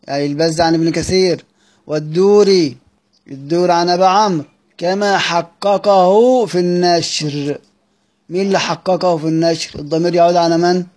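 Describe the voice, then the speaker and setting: Egyptian man, fairly high voice, teacher who explains a text line by line and keeps quizzing the class. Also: darkish tone. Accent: Egyptian Arabic. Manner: repeats phrases, quizzes his listeners. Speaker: teacher of Quranic recitation. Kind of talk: recorded lesson reading and explaining a text.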